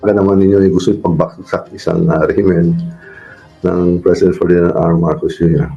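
Deep gravelly man in a dull clip. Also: level tone, fairly quick, dark tone. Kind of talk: formal public statement. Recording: dull archive clip with faint music.

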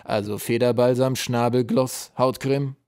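A man's voice: medium pitch, fairly even intonation, measured pace, darkish tone, clear, resonant tone, no room sound, studio quality, natural voice. A man voicing a cruel goblin general who interrogates a prisoner in a harsh, threatening, relishing tone. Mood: menacing.

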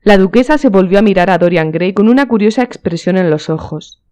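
A woman narrating a classic novel as an audiobook, reading in a measured, even way. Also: mid-range voice.

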